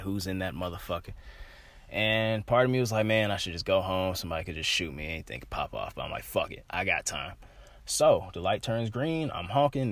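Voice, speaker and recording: A man hosting a casual podcast, blunt and profane, telling animated stories. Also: fairly low pitch. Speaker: podcast host.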